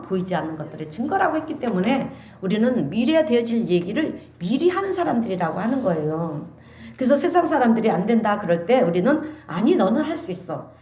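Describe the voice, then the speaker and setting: A woman pastor preaching a sermon, animated and calling the congregation to answer amen. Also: mid-range voice. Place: church sanctuary. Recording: echoey church sanctuary.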